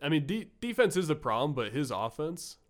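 A man's voice: a little high, sing-song, brisk. A man co-hosting a sports podcast in casual chat, laughing easily and giving short agreeing replies. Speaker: podcast co-host.

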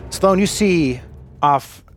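A man running a tabletop game as game master, narrating quickly and playfully with frequent laughs. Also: fairly high pitch, faint music behind.

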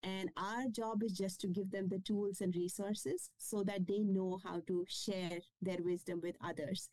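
Her voice is mid-range, steady and warm, a little slow, as this children's book author and publisher chats through an interview about her books with plenty of fillers and restarts. The audio is poor but has no room sound.

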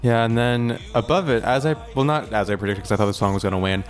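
A man's voice: medium pitch, fast. Man, casual chat, blunt, profane, opinionated, faint background music. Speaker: podcast co-host.

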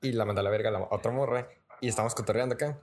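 Fast-talking Mexican young man telling stories. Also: medium pitch, fairly even intonation. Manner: rapid slangy storytelling with frequent filler "güey". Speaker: podcast host. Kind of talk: casual storytelling chat.

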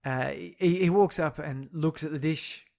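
A man with a neutral Australian accent co-hosting a casual film discussion, recapping scenes in a relaxed storytelling way. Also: a little high, a little slow, creaky. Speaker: podcast co-host.

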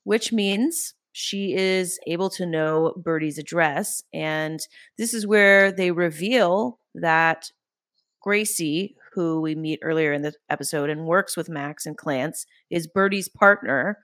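A woman's voice: fairly low pitch, takes it slowly, fairly bright tone, no echo. Woman podcast host, playful and teasy, dry close recording. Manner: playful, teasing, calls people honey. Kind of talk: casual chat.

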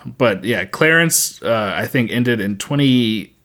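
A man's voice: mid-range voice, expressive, slow, fairly bright tone. A man co-hosting a podcast in casual chat, rambling with many fillers and restarts. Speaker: podcast co-host.

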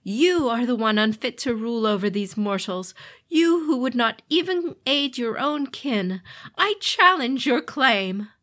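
A jealous fallen male demigod , acted by a woman, hurls shouted accusations at his kin. The voice climbs high and rings loud and harsh. It is a villain in a spoken storybook. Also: expressive, normal speed. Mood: furious.

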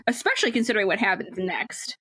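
A woman's voice: medium pitch, big pitch swings, quick pace, fairly bright tone, husky, no echo. A woman co-hosting a podcast, chatting casually and picking apart a comic's plot. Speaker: podcast co-host.

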